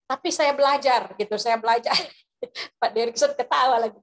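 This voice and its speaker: High-voiced woman with speech. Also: moderate pace. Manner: rambling storytelling with many fillers and restarts. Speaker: preacher. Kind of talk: testimony sermon over video call. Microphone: video call microphone.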